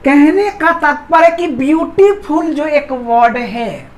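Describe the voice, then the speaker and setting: Slow high-voiced woman teaching. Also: animated, rough recording. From India. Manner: repeats key words slowly, asks the viewers questions. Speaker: English grammar teacher. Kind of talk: explaining a lesson.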